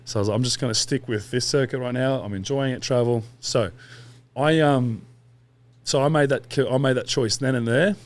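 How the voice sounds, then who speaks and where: A man's voice: mid-range voice, fairly quick. A man, a podcast guest telling long stories in a casual, rambling way with quoted asides and swearing. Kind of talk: casual interview chat.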